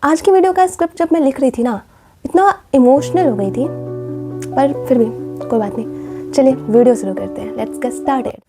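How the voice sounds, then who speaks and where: A woman's voice: high voice, normal speed, music in the background. A woman hosting a commentary vlog, speaking with passion and asking pointed rhetorical questions. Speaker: vlogger.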